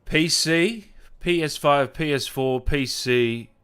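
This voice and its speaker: On the high side and fairly bright, this man's voice is clean-toned and slow. He hosts a livestream, reading comments and chatting jokily and informally with viewers in a matey manner.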